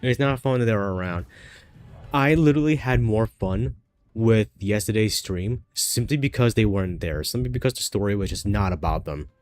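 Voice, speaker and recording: With faint music behind him, a male streamer with a cold-blocked nose talks casually as he plays, thinking out loud amid fillers and restarts. His voice is fairly low and darkish in tone, expressive, at a normal speed.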